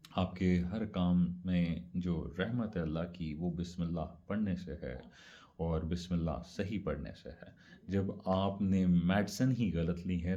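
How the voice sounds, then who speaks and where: A man's voice: sits low, dark tone, muffled recording. A man giving a casual religious talk. He repeats his points and mixes English words into his speech. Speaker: speaker explaining religious practice.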